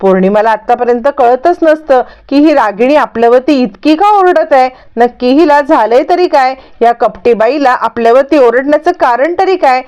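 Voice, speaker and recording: High-voiced woman recapping a serial. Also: moderate pace, hardly any pauses, darkish tone. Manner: storytelling, repetitive linking phrases. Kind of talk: scripted recap narration. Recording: dull lo-fi recording.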